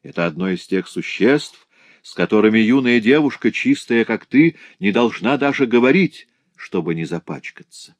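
A man's voice: fairly low pitch, expressive, normal speed, no echo, voice pushed up. A man reading aloud and voicing a stern, proud middle-aged farm mistress who speaks coldly and with scorn, in a dry recording. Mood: scornful. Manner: cold, scornful.

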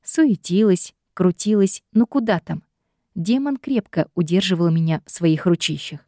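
A woman's voice: fairly low pitch, expressive, moderate pace, dark tone, no echo. Woman narrating a story, dry close sound. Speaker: audiobook narrator. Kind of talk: first-person story narration.

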